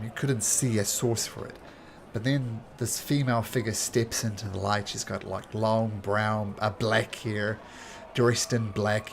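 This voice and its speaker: A man's voice: on the low side, gravelly, a little hiss or hum. A man improvising narration as the game master of a tabletop role-playing game.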